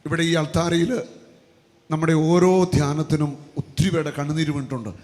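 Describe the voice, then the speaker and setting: A man's voice: a little high, fairly even intonation, brisk, a little mellow. A man leading a charismatic healing service from the altar, giving commands and repeating prayer lines in a chant. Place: church retreat hall at the altar. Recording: echoey hall with faint noise.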